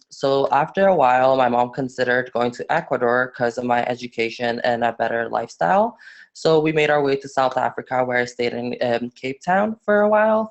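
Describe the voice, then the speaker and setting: A nineteen-year-old man from Afghanistan giving a student webinar presentation, halting with frequent fillers and restarts. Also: medium pitch, muffled recording.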